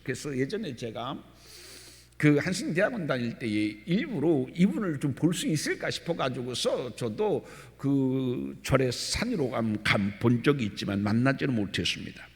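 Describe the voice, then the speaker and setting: Male pastor, Sunday sermon, bright and forceful, hushed asides breaking into loud exhortation, long church reverb. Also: fairly high pitch. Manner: dramatic storytelling, sudden swings between quiet asides and loud exhortation. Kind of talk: Sunday sermon with a told story. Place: church sanctuary.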